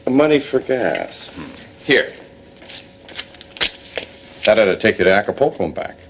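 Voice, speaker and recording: A man's voice: fairly low pitch, very animated, unhurried. An actor playing a middle-aged family man in a soap opera, firm and dryly teasing. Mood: teasing, genial. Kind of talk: television soap opera acting. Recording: clear background noise, room ambience.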